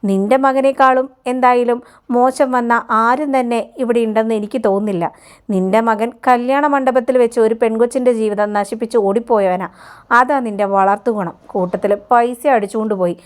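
A woman's voice: a little high, steady tone, brisk, clean tone, lightly acted. A woman voicing a stern older male teacher who lectures and scolds. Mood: scolding.

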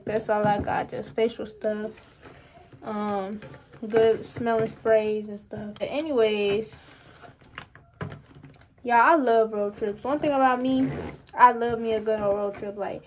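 A woman's voice: on the high side, slight background noise. A young woman vlogging casually to the camera at home, chatty and rambling, often calling her viewers y'all. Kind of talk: casual vlog chat to camera.

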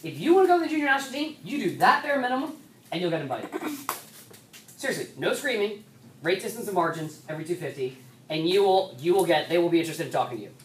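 Low-voiced woman rowing coach in an echoey room. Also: big pitch swings. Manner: conversational, many restarts and "so"s, brisk stretches. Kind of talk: rowing coach giving an instructional talk. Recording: echoey room, mic at a distance, faint background noise.

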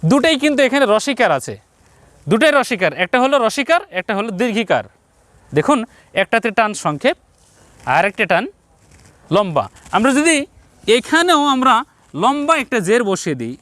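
A man teaching Quran reading on a TV lesson, addressing viewers directly, repeating points and drawing out syllables slowly. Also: very high-pitched, fairly bright tone, no echo. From Bangladesh.

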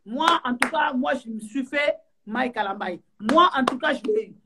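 A woman giving rambling, animated commentary in a casual live chat. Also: sits high, normal speed, heavy background noise. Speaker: live stream participant.

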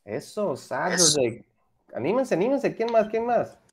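Lively bilingual teacher. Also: male voice, high voice, measured pace, crowd noise. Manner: lively, mixes Spanish and English, coaxing students. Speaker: English teacher. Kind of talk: online class for children.

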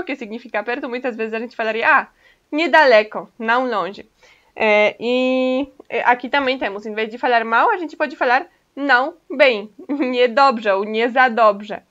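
Bright-voiced woman teaching a language. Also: on the high side. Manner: patient, explains step by step, often checks in with "ok?". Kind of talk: casual online language lesson. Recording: dull lo-fi recording.

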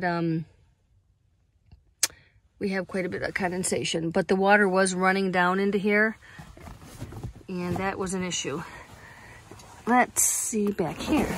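A middle-aged woman chatting casually on her van camping vlog, upbeat and thinking aloud as she shows things around her parked minivan. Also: medium pitch. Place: inside a parked minivan, heater running. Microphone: phone camera held or mounted close. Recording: steady heater noise behind.

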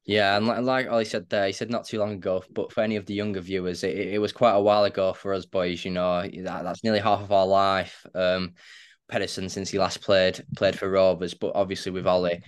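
A man's voice: deep voice, little pitch movement, fairly quick, smooth. A young man hosting a casual fan reaction chat, talking straight to his viewers. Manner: chatty, addresses viewers directly. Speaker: fan channel host.

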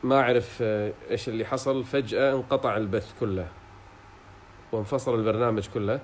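A man hosting a live online talk over a video call, brisk and affirming as he steers the conversation. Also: medium pitch, a little hiss or hum. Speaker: host.

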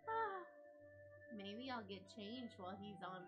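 A woman voicing a prim young runaway princess, reading game dialogue aloud in a lively, playful way. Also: medium pitch, a little slow, pitched below the performer's own voice. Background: game music.

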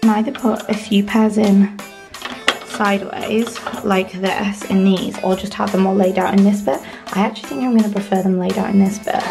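A woman's voice: mid-range voice, steady tone, normal speed, creaky, darkish tone, faint music behind. Chatty young woman, roomy echo. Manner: chatty and enthusiastic, lots of "like". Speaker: lifestyle vlogger. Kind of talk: casual vlog chat to camera. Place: bedroom walk-in wardrobe, indoors. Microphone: camera on a stand, close.

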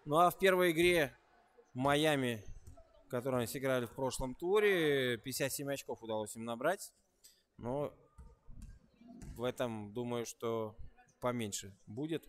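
A man giving live basketball play-by-play, calling each move with rising excitement and dropping into relaxed, chatty asides between plays. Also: mid-range voice, moderate pace, long pauses. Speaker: basketball commentator.

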